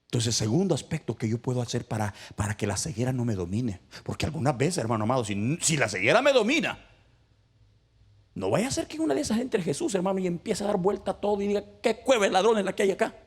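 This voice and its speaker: A man preaching a passionate sermon as pastor, rising to loud high cries and dropping to near-whispers. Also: very animated, fast, slightly rough.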